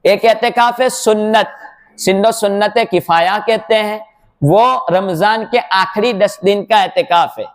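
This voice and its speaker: A mufti delivering a sermon in a mosque, explaining points step by step with rhetorical questions and quoted sayings. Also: male voice, high-pitched, measured pace.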